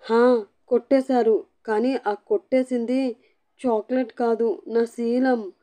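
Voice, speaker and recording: A woman voicing a young bride who sobs and scolds in a shrill, cursing tirade. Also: unhurried, warm tone, lightly acted. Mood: wailing, cursing.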